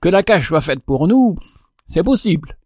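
A man's voice: high voice, very animated, normal speed, darkish tone, no room sound, clean studio sound, pitched above the performer's own voice. A man reading a storybook, voicing a wild young male goldfinch who pleads for freedom. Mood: protesting. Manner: pleading, impassioned.

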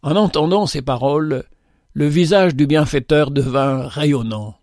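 A man reading a moral tale aloud in a measured, earnest storytelling manner. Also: on the high side, a little mellow, no echo, studio quality. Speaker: narrator.

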